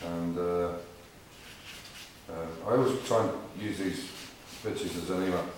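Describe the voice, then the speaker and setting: A car restorer vlogger from England, middle-aged and English-accented, talks about his car work in a low, steady voice at a measured pace, leaning on fillers and repeated words. His casual workshop vlog is set in an echoey garage with faint noise.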